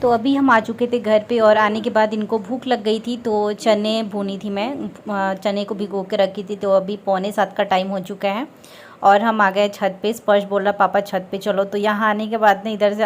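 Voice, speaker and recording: A woman with an Indian Hindi accent speaks at medium pitch in a level tone and moderate pace, over poor audio with faint background noise. Feeling unwell and low on energy, this family vlogger rambles chattily and addresses viewers directly, first from a car and then outdoors on a rooftop.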